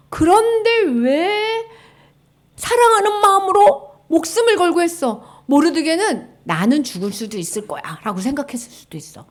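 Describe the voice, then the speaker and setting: A woman preaching a children's sermon, telling the story with lively questions to the kids and sometimes dropping to a whisper. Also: high voice.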